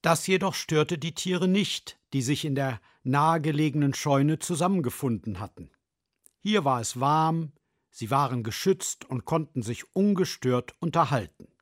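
A man narrating a Christmas fable, reading in an expressive storybook style. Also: fairly high pitch, unhurried.

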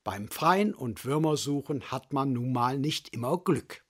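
A man narrating a fairy tale in an expressive storybook reading style. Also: medium pitch, a little slow, breathy edge.

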